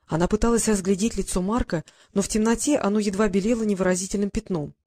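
Woman, audiobook narrator, steady, even delivery. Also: mid-range voice, quick pace.

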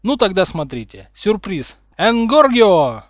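A man's voice: high-pitched, very animated, unhurried, no echo, highs cut off, pitched above the performer's own voice. A man voicing a cheeky, flippant teenage boy wizard who mocks his enemies. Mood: cocky, mocking. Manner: sarcastic, flippant.

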